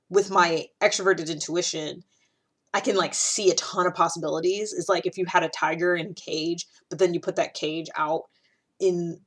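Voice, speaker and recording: A podcast host from Ohio, a woman in her thirties, rambles casually about her own life with a fairly low pitch and a fairly bright tone. Expect lots of "like," fillers, and sentences that keep starting over.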